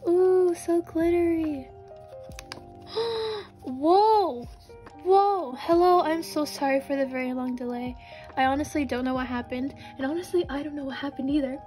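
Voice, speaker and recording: A young woman vlogging a casual unboxing, often gasping and squealing with excitement. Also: sits high, brisk, faint music behind.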